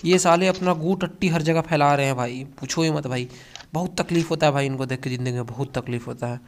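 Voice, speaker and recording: A young man narrates a mobile shooter match in a comic, excitable voice-over. His voice sits slightly high, and he keeps up crude, rowdy jokes the whole way. A faint hiss runs under the recording. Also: brisk. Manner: excitable, crude joking banter. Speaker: gaming commentator. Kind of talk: comedic gameplay voice-over.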